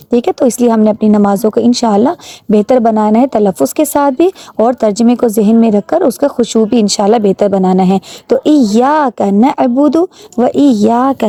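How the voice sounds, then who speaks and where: Patient Pakistani woman teaching slow recitation. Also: fairly high pitch, dark tone, dry recording. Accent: Pakistani Urdu. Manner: patient, slow drawn-out recitation, points out common mistakes. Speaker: religious teacher. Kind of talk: teaching recitation with word-by-word Urdu translation.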